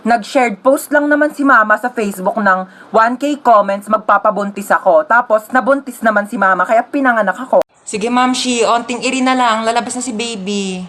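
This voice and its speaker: A woman acting out every part of her own comedy skits, jumping between shrill yelling and low mock voices. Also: moderate pace. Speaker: comedy sketch creator. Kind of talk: skit acting, playing every part herself.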